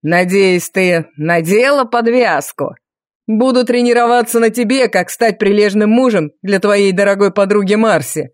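A woman's voice: medium pitch, moderate pace, no echo, studio quality, lightly acted. A woman voicing a sneering villainous viscount. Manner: sneering, taunting. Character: cruel mocking male viscount, menacing villain. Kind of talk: audiobook character voice.

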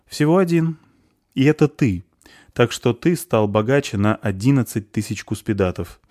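A man voicing a calm, powerful nobleman who speaks in a dry, matter-of-fact manner in an audiobook. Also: mid-range voice, moderate pace, no room sound, pitched above the performer's own voice, natural voice.

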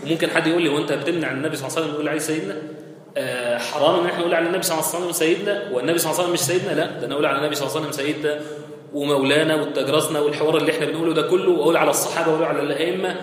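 In a mosque hall with long, heavy reverb, a religious teacher with an Egyptian accent gives a conversational hadith lesson. His voice is fairly high and steady, he talks rapid-fire, and he often checks in with his listeners.

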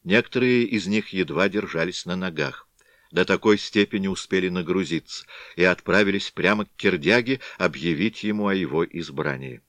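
A man narrating a classic story in a scripted, expressive storytelling manner. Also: sits low, normal speed, dry recording. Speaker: audiobook narrator.

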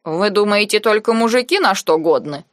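A woman reading the part of a proud, buxom maid with rustic, drawn-out speech. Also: medium pitch, expressive, dry recording, studio quality, close to an everyday voice.

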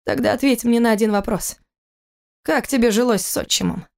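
A woman's voice: on the high side, brisk, creaky, darkish tone, voice pushed up. Harsh cold husband, clipped and sneering, woman reading him in an audiobook. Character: cold, furious husband, adult man.

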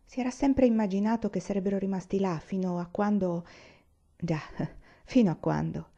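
Brief: woman reader of literary fiction, measured and warm-toned. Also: medium pitch, lo-fi sound. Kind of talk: reading a novel aloud.

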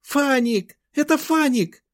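A man's voice: animated, moderate pace, a little mellow. A man voicing a tearful little girl, the narrator's younger sister, in an audiobook. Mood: hopeful. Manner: pleading, high childish voice.

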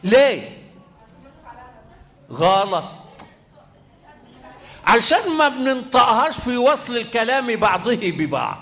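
A middle-aged man with an Egyptian accent leads a tajweed class. He fires questions at his students and chants verses slowly as examples. His voice sits high for a man. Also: sing-song, bright, forceful tone. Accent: Egyptian Arabic. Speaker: Quran recitation teacher. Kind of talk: lively tajweed lesson with students.

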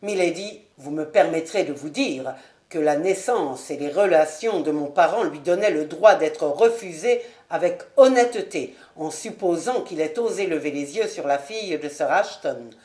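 Woman reading a low, courtly nobleman, formal and grave, storybook; roomy room. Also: animated, normal speed, warm tone. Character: dignified older marquis, proud and courteous. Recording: roomy home recording.

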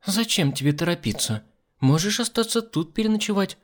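A man's voice: high-pitched, lively intonation, fairly quick, pitched above the performer's own voice. A man doing a snappish scheming young woman. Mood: sharp, coaxing. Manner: sharp, snappish, falsely sweet.

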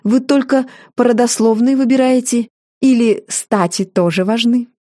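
A woman voicing a proud, sharp-tongued young wife. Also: a little high, fairly even intonation, normal speed, no room sound, clean studio sound, pitched above the performer's own voice, natural voice. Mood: biting. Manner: biting, earnest.

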